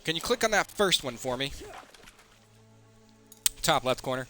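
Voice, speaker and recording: Bright, fired-up male streamer ranting. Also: mid-range voice, expressive, unhurried, faint music behind. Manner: angry, profane, reads messages aloud. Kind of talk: heated livestream rant.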